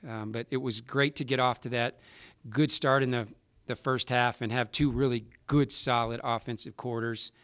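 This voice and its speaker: A man in his forties, a basketball coach answering reporters after a game at a table mic, measured and halting with many restarts. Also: medium pitch, steady tone, fairly bright tone, clear, resonant tone, dry recording. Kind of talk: post-game press conference answers. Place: press room with sponsor backdrop. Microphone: table mic in front.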